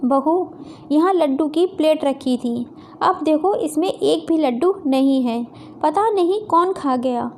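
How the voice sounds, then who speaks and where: A woman's voice: sits high, animated, measured pace, a little hiss or hum. A woman voicing a bossy middle-aged mother-in-law who gives orders and scolds. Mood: upset. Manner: scolding, commanding, calls out loudly.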